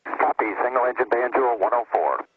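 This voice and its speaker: A shuttle commander reading terse, calm callouts over a crackly, breaking-up radio link from space. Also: male voice, medium pitch, fairly quick, slightly rough. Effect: crackly, breaking-up space-to-ground radio. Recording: muffled noisy radio link.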